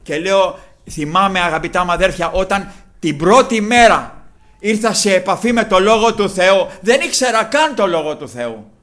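Male preacher, high tenor, fervent sermon delivery with loud-to-hushed swings. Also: expressive.

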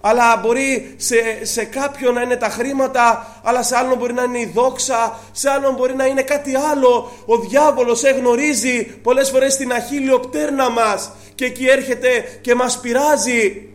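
A man's voice: extremely high pitch, fairly even intonation. A man preaching a sermon to his congregation, asking rhetorical questions and quoting scripture earnestly.

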